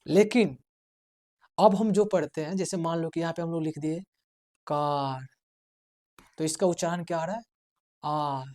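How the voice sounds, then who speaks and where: A man's voice: on the high side, unhurried, long pauses, a little mellow. Man teaching, quizzing and repeating. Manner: asks the class questions and answers them himself, repeating key words; urges students to write things down. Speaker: spoken English teacher. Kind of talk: classroom lesson in Hindi.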